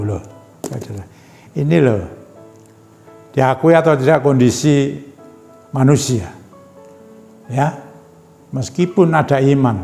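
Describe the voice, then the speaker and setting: Brief: male evangelist, conversational sermon, slightly high voice, long hall reverb, soft music behind. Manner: conversational, repeatedly addressing the congregation. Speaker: evangelist preacher. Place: church hall.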